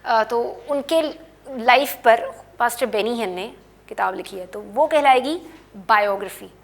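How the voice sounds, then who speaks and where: Middle-aged lady teacher, kinda high voice, patient, goes over pronunciation again and again, lots of "okay". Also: unhurried. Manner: patient, explains words by writing and repeating them, with frequent "okay". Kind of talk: spoken English lesson, Hindi-English mix.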